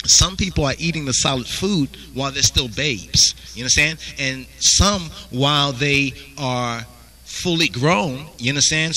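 A man with a mid-range, pushed, bright voice leads a Bible study, reading verses aloud. After almost every phrase he asks "you understand?", repeating it constantly.

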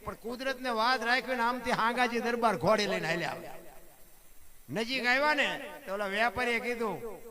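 High-voiced Kathiawadi folk storyteller on stage. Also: male voice, normal speed, crowd noise. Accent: Kathiawadi Gujarati. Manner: lively, emphatic, with rhetorical questions. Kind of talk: live folk storytelling and moral talk. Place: stage before a seated audience. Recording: live show with audience noise. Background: audience.

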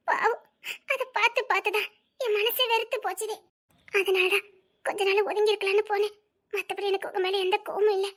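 A woman's voice: extremely high pitch, fairly bright tone. A young woman acting a scared student who insistently refuses a man's advances, tearful at times, in a web drama. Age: young adult.

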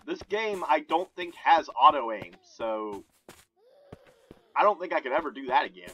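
A man giving casual, excitable commentary while he plays a shooting game, talking to himself into a close mic. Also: a little high, normal speed, dull audio. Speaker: gamer. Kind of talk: gameplay commentary. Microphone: desk mic held close. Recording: noisy home recording.

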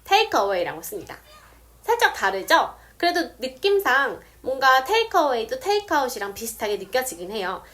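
High, lively woman teaching English. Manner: explains step by step, says English examples slowly. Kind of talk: casual video lesson.

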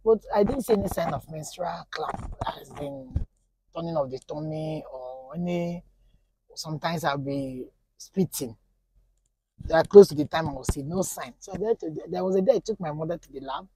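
A woman's voice: sits low, moderate pace, dark tone, poor audio. A Nigerian woman telling her own pregnancy story in earnest, casual chat. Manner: earnest, blessing-giving talker. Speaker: vlog guest.

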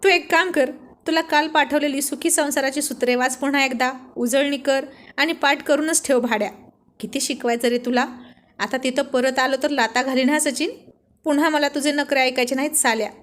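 A woman's voice: high-pitched, normal speed, lightly acted. Woman voicing a teasing young husband. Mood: scolding. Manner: teasing, joking banter. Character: playful teasing young husband, loving but cheeky.

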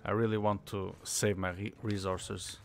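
A man's voice: lowish voice, little pitch movement, measured pace, creaky, a little hiss or hum. A young man streaming a video game, muttering a play-by-play and swearing in bursts. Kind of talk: gaming commentary.

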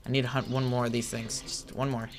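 A man giving excitable let's play commentary, chattering at the creatures on screen as he plays. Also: mid-range voice, fast. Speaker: gaming channel host.

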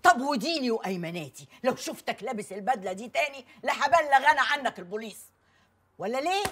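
A woman's voice: fairly high pitch, lively intonation, fast talker. An actress playing a bossy, scolding woman with an Egyptian accent, in a comedy film. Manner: scolding, sharp. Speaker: film character.

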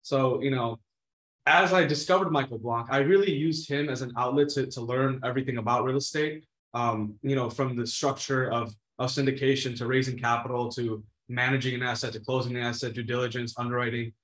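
A man's voice: mid-range voice, fairly even intonation, brisk, a bit bright. A twenty-one-year-old man speaking as a guest on a video call interview, talking casually with many restarts and "you know"s. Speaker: guest, real estate investor. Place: home room, plain wall. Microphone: video call webcam. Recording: roomy echo.

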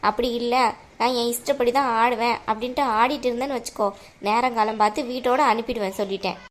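A woman voicing a harsh, domineering mother-in-law in an animated cartoon, scolding in a bossy way. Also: a little high, quick pace, close to an everyday voice. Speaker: voice actor.

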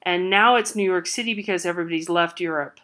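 Lower-voiced woman giving a halting lecture. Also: sharp tone. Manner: loose, halting, with many fillers and restarts. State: hiccups. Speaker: art history teacher. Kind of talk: recorded lecture.

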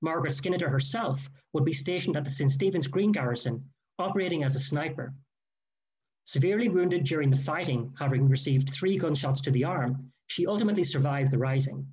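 A man giving a formal, measured history lecture read from a prepared text. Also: on the high side, animated, a little mellow. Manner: measured, careful delivery with quoted sources. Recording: dull lo-fi recording.

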